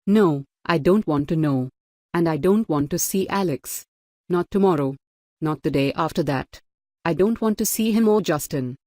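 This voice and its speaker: A woman narrating a novel in first person, measured and steady. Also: sits low, no echo, clean studio sound. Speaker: audiobook narrator. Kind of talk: scripted audiobook narration.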